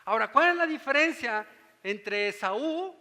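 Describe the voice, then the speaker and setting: A man with a Mexican Spanish accent preaches a teaching sermon in a church hall. His voice sits high and sounds very bright and forceful. A long reverb trails behind his words, and he often stops to check that his listeners follow. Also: lively intonation, measured pace. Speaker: pastor.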